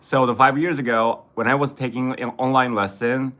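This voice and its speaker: A Japanese man with a Japanese accent, chatting casually on a livestream and reading chat, often halting and correcting himself. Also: mid-range voice, steady tone, fairly bright tone. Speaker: vlogger reading live chat.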